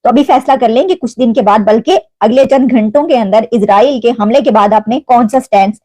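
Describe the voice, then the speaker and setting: A woman's voice: on the high side, warm tone, no echo. A woman giving news commentary in a conversational way, asking rhetorical questions and dropping in English phrases.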